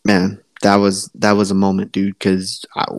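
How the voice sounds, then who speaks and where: A man co-hosting a wrestling podcast, chatting casually and excitedly, swearing and restarting his sentences. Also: sits low, moderate pace, no echo. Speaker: podcast co-host.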